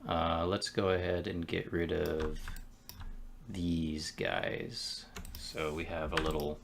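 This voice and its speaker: Very deep, gravelly man musing aloud. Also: background noise. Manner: relaxed, musing, talks to himself between pauses. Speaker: game developer streaming his work. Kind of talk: casual thinking-aloud commentary while working.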